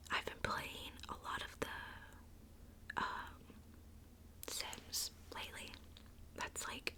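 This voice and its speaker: A woman's voice: a little high, bright, forceful tone. A young woman whispering casually through an ASMR makeup routine, chatty and filled with little likes and asides, close to a handheld camera mic. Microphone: close camera mic, handheld filming.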